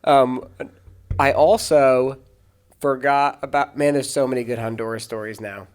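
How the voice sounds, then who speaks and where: Rambling, laughing storytelling pastor. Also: male voice, medium pitch, fairly even intonation, unhurried, smooth. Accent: American. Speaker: podcast host, pastor. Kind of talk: casual storytelling chat.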